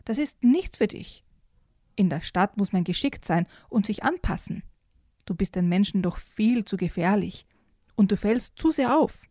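A woman voicing a cheeky, know-it-all hawk while reading a storybook aloud in a higher, lively voice. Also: measured pace, no echo, studio quality. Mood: teasing.

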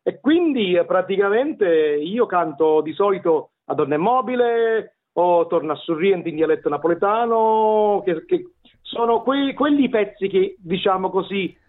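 A middle-aged tenor and vocal coach from Naples, Italy, calls in remotely to a radio show to tell his story as a guest, heard over a tinny phone line. His high voice has lively intonation and a slightly slow pace, and with his Neapolitan accent he comes across hesitant and wordy, often repeating words.

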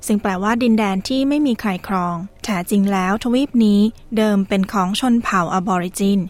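A woman's voice: medium pitch, brisk. A woman narrating a scripted news feature as a radio presenter, formal and carefully enunciated.

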